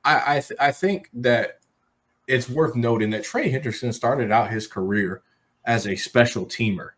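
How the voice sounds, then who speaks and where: A man's voice: mid-range voice, normal speed, fairly bright tone. A man hosting a sports talk show in a casual, conversational style, speaking directly to listeners as he gives his commentary. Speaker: sports podcast host.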